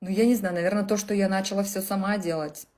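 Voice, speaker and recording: A woman's voice: medium pitch, steady tone, fast talker, a little mellow. A woman in her thirties, a client on a video call, answering hesitantly and searching for words. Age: 30s. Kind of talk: casual conversation.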